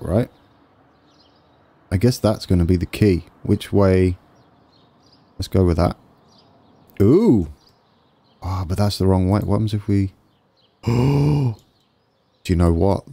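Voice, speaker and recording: A man's voice: low-pitched, vocal fry, mellow. A man with a wheezy, congested voice giving casual commentary on a game build, tentatively thinking aloud as he goes. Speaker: gaming video host.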